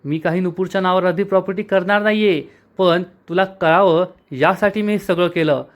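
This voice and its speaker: A man's voice: high-pitched, fairly quick, close to an everyday voice. A man reading the lines of a rich young man, determined and in love, in a soap recap.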